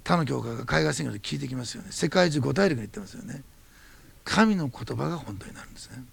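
A man preaching as a pastor, telling a testimony in quick, animated bursts. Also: mid-range voice, creaky, slightly rough. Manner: fast-talking, animated storytelling. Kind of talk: sermon testimony.

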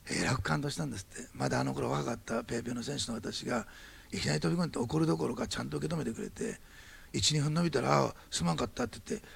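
A male pastor preaching a sermon, telling a story with lively quoted dialogue and then leading a prayer. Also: fairly high pitch, gravelly, slightly rough.

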